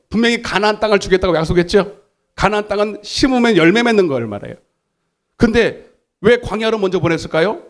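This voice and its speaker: A man pastor preaching a sermon in a church, emphatic, calling out for the congregation's responses. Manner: emphatic, swings pitch up and down. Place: church sanctuary.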